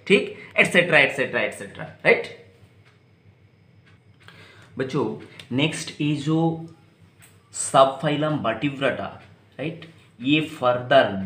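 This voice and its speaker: Slow, spelling-out biology teacher, man. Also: mid-range voice, fairly bright tone, reverberant. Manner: spells terms letter by letter, repeats and quizzes students. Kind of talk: classroom lecture.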